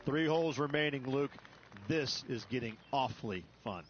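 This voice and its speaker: A man's voice: mid-range voice, moderate pace, muffled recording, soft background music, lightly acted. A man giving casual, enthusiastic colour commentary as a golf commentator. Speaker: second golf commentator in a video game.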